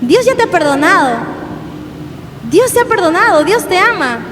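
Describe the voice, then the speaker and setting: A woman's voice: very high voice, sing-song, normal speed, a crowd in the background. A young woman preaching a sermon at a youth service, earnest and repetitive, often asking the congregation questions. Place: church hall. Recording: long church hall reverb, faint background noise.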